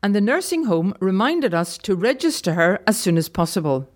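A woman from Ireland, telling a personal anecdote in a gentle, measured way. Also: medium pitch, big pitch swings. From Northern Ireland. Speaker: storyteller. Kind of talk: anecdote storytelling.

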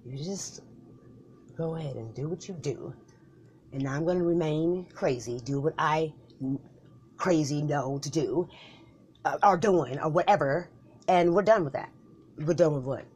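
A woman with a deep, low-pitched voice tears through a comic argument. She bickers back and forth, swearing freely and firing off quick retorts. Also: a little mellow, a little hiss or hum.

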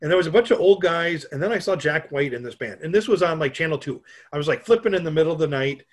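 A man's voice: on the high side, expressive, quick pace. A middle-aged man from Minnesota co-hosting a podcast, rambling and joking in casual chat. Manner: rambling, joking, self-mocking. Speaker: podcast co-host.

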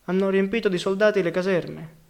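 A cheeky young worker, as a male narrator puts him on, loud, blunt and impatient for action. The voice is fairly high for a man and stays plain, like a reader lifting his own tone in a storybook. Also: a little fast, gravelly.

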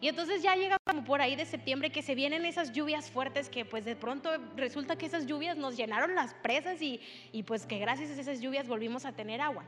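A woman's voice: sits high, brisk, hardly any pauses, fairly bright tone. A young woman preaching a sermon in a church, telling a story in a chatty way with many fillers. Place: church hall. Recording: long hall reverb with faint music.

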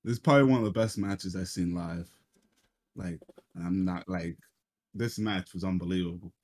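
A man's voice: deep voice, moderate pace, a little mellow. A young man chats casually with friends. He co-hosts in a profane, slang-heavy frat-bro manner, bantering freely. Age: young adult. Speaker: podcast co-host. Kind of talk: casual chat among friends.

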